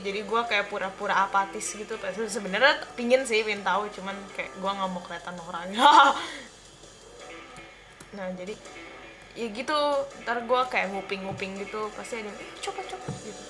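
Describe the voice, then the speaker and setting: A young woman from the Jakarta area telling a rambling story while playing a game, often breaking off to react loudly to what happens on screen. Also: medium pitch, brisk, soft background music. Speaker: gameplay commentator. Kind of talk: casual gameplay commentary and storytelling.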